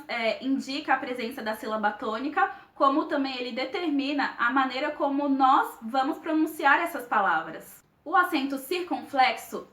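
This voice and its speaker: A young woman with a Brazilian accent explains grammar in a clear, deliberate teacher's voice. Her voice is high and bright. The room around her echoes. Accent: Brazilian Portuguese. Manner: clear, deliberate, stretches example words slowly. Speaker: Portuguese teacher. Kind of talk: grammar lesson.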